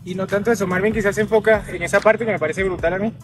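Brief: Venezuelan male runner, 30s, earnest and animated, fast, slightly high, heard from a distance over music. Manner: animated, talks in long earnest runs. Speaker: professional runner. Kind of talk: casual chat. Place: outdoor athletics stadium. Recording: voice from off the mic, music behind.

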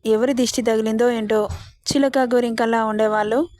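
A worried aunt-in-law who fusses and chatters, read by a woman in a fairly high voice. She sounds concerned and busy, and the recording is dry and close. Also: steady tone, brisk, a little mellow, no echo, lightly acted. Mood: fussing.

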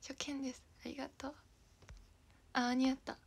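Her voice is high and level, moderately paced, with vocal fry and a breathy edge. She's a young idol livestreamer with a Kansai Japanese accent who chats casually, giggles a lot, slips into whispers, and thanks viewers by name.

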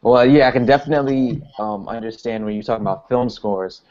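A man's voice: mid-range voice, a little fast, darkish tone, muffled recording. A man co-hosting a casual interview, laid-back and slangy, with fillers. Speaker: co-host.

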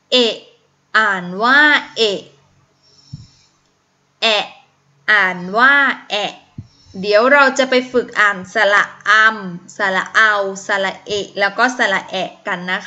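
A woman's voice: medium pitch, bright, forceful tone. A woman primary school teacher reading a story aloud and explaining words to young pupils in an online class, patiently calling on children one at a time. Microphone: video call. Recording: dull lo-fi video call audio.

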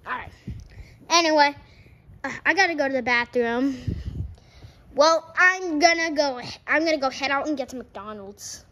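A woman making a playful home sketch with toys, goofy and giggly, now and then bursting into shouts. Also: high voice, moderate pace, long pauses. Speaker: video maker.

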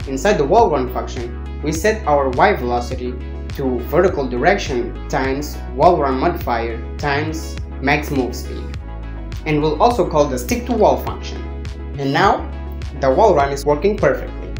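A young man hosts a scripted coding tutorial, walking through each step in a playful, animated way at a moderate pace with a voice on the high side. He talks into a handheld mic with a furry windscreen in an echoey indoor room, and background music sits clearly beneath him.

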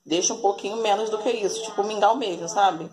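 A woman's voice: mid-range voice, brisk, crowd noise. A Brazilian woman in her forties, chatting through a cooking vlog at home and often calling her viewers family. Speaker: vlogger. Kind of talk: casual cooking vlog narration. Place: home kitchen, then outdoors in a yard. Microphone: phone camera held at arm's length.

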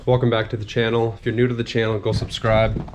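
A man's voice: fairly low pitch, level tone, quick pace. A young man in his twenties hosting a casual fishing vlog, talking upbeat and playful into a camera held at arm's length, first from a car and then inside an ice-fishing tent on a frozen lake. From North Dakota, USA. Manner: upbeat, playful, stutters words for fun. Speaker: fishing channel host. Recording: noisy outdoor camera audio.

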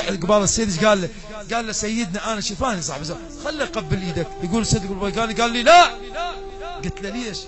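A man preaching an emotional religious story, telling it dramatically and breaking into shouts and chanted lines. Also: high voice. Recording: music playing behind the voice.

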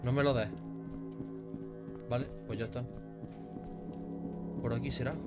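A man with a Spanish accent comments casually while playing a horror game, swearing and reading notes aloud. His voice has an average pitch. Game music plays clearly behind him. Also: steady tone, a little slow. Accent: Spain. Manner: jumpy, swears a lot, reads notes aloud. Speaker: let's play gamer.

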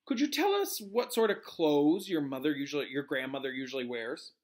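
A man acts out a cheerful wizard professor from a storybook. His voice is raised and swings widely in pitch as he instructs his class. He stays calm and encouraging, stressing his points clearly. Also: a little fast, natural voice.

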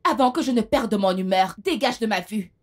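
A woman dubbing a young wife who is also a bossy, sharp-tongued older sister in a film, prone to scolding and mocking. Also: mid-range voice, animated, normal speed, natural voice. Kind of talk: French film dub.

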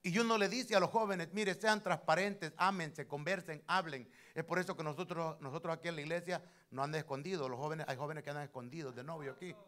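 A male pastor preaches in a church, telling stories and hitting lines with loud sudden emphasis. His voice sits a little high for a man. He speaks straight to the congregation, calling them brother. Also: steady tone, brisk, few pauses. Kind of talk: sermon.

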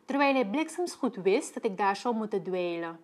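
A woman's voice: medium pitch, expressive, moderate pace. A woman with a Surinamese Dutch accent, a domestic worker speaking a scripted monologue in a troubled, searching way. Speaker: domestic worker telling her story.

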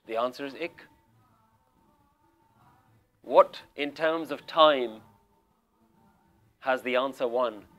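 A man's voice: mid-range voice, slow, long pauses, fairly bright tone, faint music behind. A male spiritual teacher giving an emphatic, questioning talk to a group seated in a room. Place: room with a small audience.

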